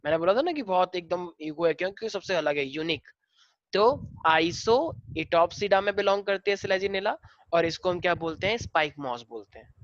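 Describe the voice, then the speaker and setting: A man's voice: high voice, animated, normal speed, fairly bright tone, no echo, muffled recording. A male biology teacher lecturing a classroom in a chatty way, often quizzing his students.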